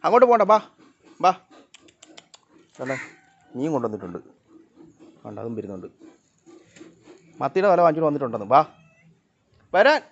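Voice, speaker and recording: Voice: medium pitch, sing-song, moderate pace, pauses often. A speaker, calling cats over to feed them in short coaxing and scolding bursts. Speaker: vlogger feeding cats. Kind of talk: casual talk to pets. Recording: dull lo-fi sound with faint noise. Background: cats meowing.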